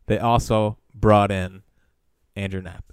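Smooth-voiced male sports talk host. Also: lowish voice, steady tone, slow pace, dry recording, studio quality. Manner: teasing, needling.

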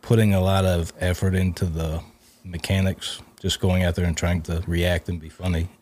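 Man, deep low voice, reflective, casual podcast chat, comedy guest. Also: flat delivery, normal speed, darkish tone. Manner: reflective, searching for words.

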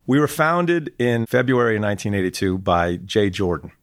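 A man's voice: on the low side, steady tone, normal speed, no room sound, studio quality. A middle-aged or older man giving conversational answers as an executive guest in an interview.

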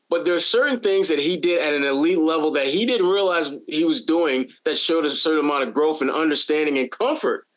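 A man co-hosting a sports podcast in casual chat, talking in an animated, lively way with frequent restarts and playful bits. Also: a little high. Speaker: podcast co-host.

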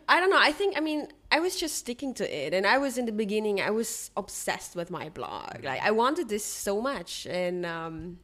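A woman's voice: mid-range voice, very animated, moderate pace, sharp tone. Woman, English speaker, interview guest, earnest, laughs easily. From Germany. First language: German. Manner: earnest, slightly non-native phrasing, laughs easily. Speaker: travel blogger guest. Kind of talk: casual interview chat.

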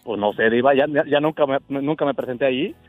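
A man's voice: mid-range voice, fast talker, dry recording. A middle-aged man calling in on the phone, telling stories with chatty, stumbling repeats. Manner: chatty, says the host's nickname constantly, stumbling repeats. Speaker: caller. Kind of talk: storytelling on a phone call. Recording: tinny phone line.

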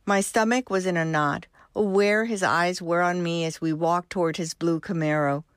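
Cuban lady in her 60s reading her memoir, lowish voice, dry close sound. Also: fairly even intonation, moderate pace, clear, resonant tone, no room sound. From Cuba. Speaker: host and storyteller.

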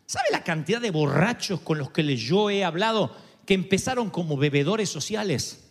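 Animated preacher in a reverberant hall. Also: male voice, high voice, normal speed. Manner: animated preaching, acts out quoted voices. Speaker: pastor. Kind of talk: sermon.

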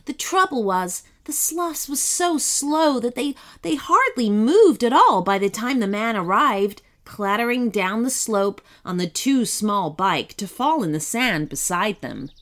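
Animated woman reading a children's story. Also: a little high, measured pace, few pauses. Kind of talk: scripted narration for children.

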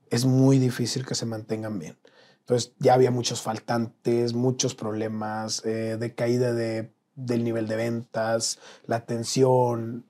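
Husky man telling his story. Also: mid-range voice. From Mexico. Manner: earnest, slangy, drops to a hush at painful moments. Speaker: interview guest. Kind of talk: emotional personal storytelling.

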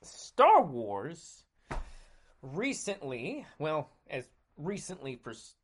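A man in his thirties hosting a podcast, talking casually with sarcasm and frequent throat clearing. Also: a little high, wildly swooping pitch, very slow. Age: 30s. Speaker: podcast host. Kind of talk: casual monologue.

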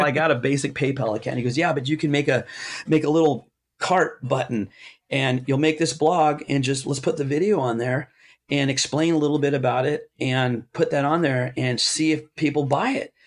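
Guy rambling thru a story in an interview, lots of restarts, average voice. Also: medium pitch. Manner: rambling, with many restarts and asides. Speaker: interview guest, amp builder.

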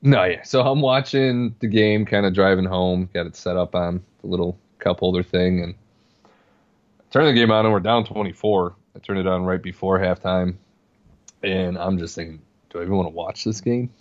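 A man's voice: low-pitched, moderate pace. A man co-hosting a sports podcast, chatting casually in a laid-back, rambling, sweary way. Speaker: podcast co-host. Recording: slightly dull, lo-fi microphone sound.

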